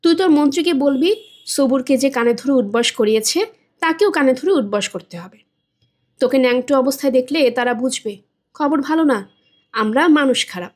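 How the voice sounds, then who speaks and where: A woman's voice: high-pitched, expressive, normal speed. A woman voicing a brutal bodybuilder thug in a storybook reading, coarse and threatening. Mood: menacing. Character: menacing bodybuilder thug, adult man, brutal.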